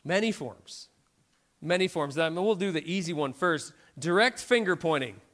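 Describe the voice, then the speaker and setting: Animated high-voiced male preacher. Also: moderate pace. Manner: conversational preaching with frequent "right?" asides. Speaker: pastor. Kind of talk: sermon.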